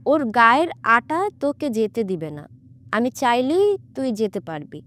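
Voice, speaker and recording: A woman voicing a calm, commanding male exorcist in a horror audiobook, stern and mocking as he questions a spirit. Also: fairly high pitch, measured pace. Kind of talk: audiobook character voice.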